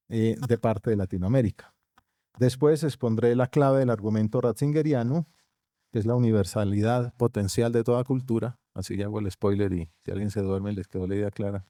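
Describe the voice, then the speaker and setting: A Colombian man lecturing at a university conference, steady and measured, now and then slipping into quieter asides. His voice is dark and mellow. The sound is dry and close, with no room echo. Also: medium pitch. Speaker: conference speaker. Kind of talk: academic lecture. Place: university auditorium.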